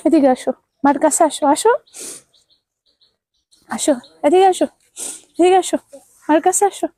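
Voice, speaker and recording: A woman in a vlog, gently coaxing and comforting crying children in a motherly way, then speaking to viewers. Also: high voice, normal speed, dry recording, low-quality recording. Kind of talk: emotional vlog address.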